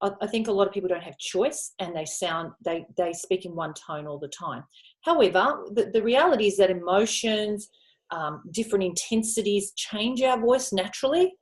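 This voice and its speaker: A woman voice coach in an interview, explaining voice technique with lively demonstrations. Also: medium pitch, normal speed. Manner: animated teacher, drops into vocal demonstrations.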